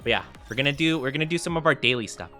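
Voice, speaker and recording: A man's voice: medium pitch, expressive, very fast, bright, forceful tone. A man chatting casually as a live VTuber game streamer, with a cute, upbeat anime-streamer delivery, often repeating his phrases. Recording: music under the voice. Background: music.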